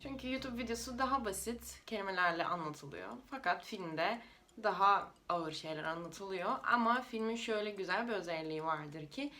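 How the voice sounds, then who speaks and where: A woman's voice: mid-range voice, lively intonation, moderate pace, pushed and bright. A native Russian woman with a Russian accent explains things informally to viewers in a foreigner's slightly unidiomatic Turkish. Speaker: language-learning video creator.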